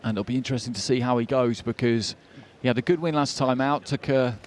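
Male boxing commentator, middle pitch, live sports commentary, measured, analytical. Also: a little mellow, a little hiss or hum. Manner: measured, analytical, filling in background.

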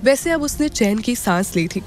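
A woman narrating a romantic audio drama in a dramatic, expressive way. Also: fairly high pitch, moderate pace, soft background music. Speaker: storyteller.

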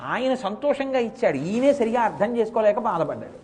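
A middle-aged man giving a devotional storytelling discourse, slowly chanting verses between stretches of plain narration. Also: high voice, very animated, darkish tone, a little hiss or hum. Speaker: religious discourse speaker.

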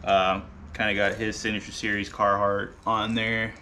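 Bright-voiced man rambling about gear. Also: fairly low pitch, moderate pace, a little hiss or hum. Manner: relaxed, rambling, many ums and uhs. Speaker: fishing vlogger. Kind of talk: casual gear walkthrough. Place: garage, seated by boat gear.

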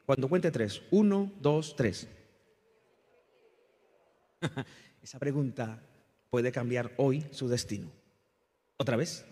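Husky-voiced preacher in a reverberant church. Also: male voice, takes it slowly, pauses often, warm tone. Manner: impassioned preaching, rising and falling in pitch and volume; calls on the congregation to repeat after him. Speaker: pastor. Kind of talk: sermon. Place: church hall.

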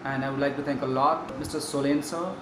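A man's voice: mid-range voice, fairly even intonation. Earnest middle-aged man in an echoey room. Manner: polite, slow and earnest. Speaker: English and fitness teacher. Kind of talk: thank-you speech to camera. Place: indoor room, seated on a sofa beside two kids. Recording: echoey room with air-conditioner hum.

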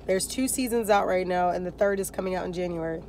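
A woman's voice: fairly low pitch, quick pace, a little mellow, a little hiss or hum. A young woman chatting casually to a phone camera on the dashboard while sitting in a parked car, rambling and upbeat. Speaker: vlogger. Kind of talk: casual vlog talk to camera. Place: parked car, indoors of vehicle.

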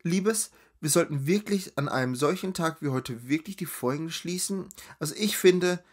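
A man voicing a giggly, vain, rich young woman in a storybook reading, in a high chattering drawl. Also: normal speed, lightly acted.

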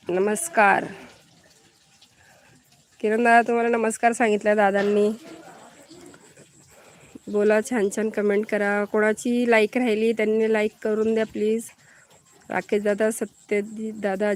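A woman's voice: mid-range voice, little pitch movement, unhurried, long pauses. A woman from Maharashtra hosting a live stream, chatting casually and answering viewers' comments as she greets them by name.

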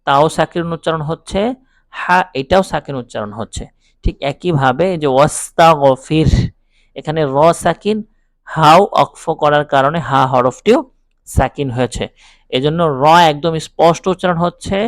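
A man teaching a Quran lesson, explaining pronunciation step by step and reciting verses slowly in a chanting melody. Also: on the high side, no echo, studio quality.

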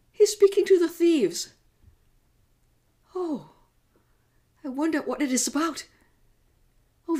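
A woman playing an anguished, devout middle-aged mother in a slow, emotive religious monologue, pleading as she grieves for her son. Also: high-pitched, dark tone, husky, exaggerated voice. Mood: urgent wonder.

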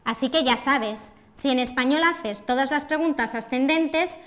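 A woman teaching pronunciation in a scripted lesson for language learners, speaking clearly and deliberately and demonstrating intonation. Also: sits high, a bit bright.

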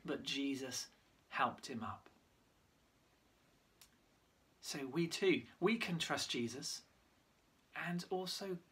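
A bright, sharp-edged voice tells a Bible story with lively energy. The speaker shows props along the way and now and then trips over a name and corrects it. It has the feel of an online worship talk. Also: mid-range voice. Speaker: church leader giving a children's Bible talk.

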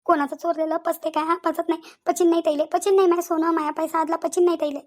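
Woman as a fussy, whiny cartoon village aunt, high and rapid. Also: fairly even intonation, close to an everyday voice. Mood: lamenting. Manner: fast, wailing, whiny complaining. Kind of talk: cartoon comedy voice acting.

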